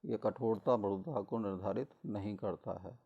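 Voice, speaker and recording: A man's voice: lowish voice, steady tone, normal speed, vocal fry, breathy edge, narrow, tinny audio. A middle-aged man giving a recorded chemistry lecture, explaining step by step with frequent fillers and self-corrections.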